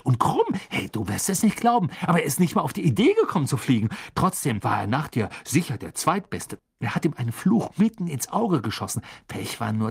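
A man reading the part of an excited teenage boy who chatters on quickly, with a slightly husky voice. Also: medium pitch, heavily acted. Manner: fast, breathless babbling.

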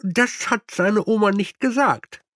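A man's voice: high voice, a little slow, a bit bright, dry recording, studio quality, pitched above the performer's own voice. A man doing a drily ironic army captain. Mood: dry. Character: dry, deadpan male army captain.

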